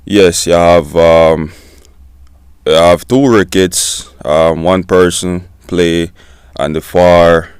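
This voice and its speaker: A Jamaican man in his twenties, a student-athlete guest giving short, soft-spoken answers in a casual interview. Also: low-pitched, steady tone, slow, smooth, no echo, studio quality. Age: 20s.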